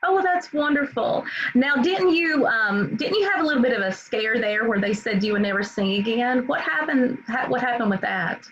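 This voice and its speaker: A woman's voice: on the high side, animated, normal speed, over a noisy crowd. A woman hosting an online interview, gushing and encouraging toward her guest. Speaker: host. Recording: dull lo-fi sound.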